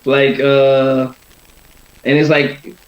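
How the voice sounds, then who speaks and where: A man's voice: mid-range voice, completely flat delivery, very slow. A man chatting casually as a boxer in an interview, rambling and often tagging on "you know". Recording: roomy, dull lo-fi sound.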